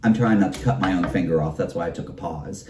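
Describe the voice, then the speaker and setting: A man's voice: low-pitched, fast, background noise. A man hosting his own videocast, delivering a campy, profane comedic rant and calling listeners darling. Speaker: videocast host. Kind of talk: comedic ranting monologue. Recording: roomy, distant mic.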